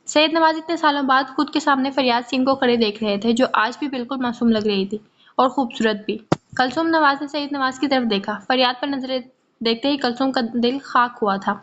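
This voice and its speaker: A woman narrating a romance novel aloud in a steady, expressive reading, in a muffled lo-fi recording. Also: sits high. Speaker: audiobook narrator.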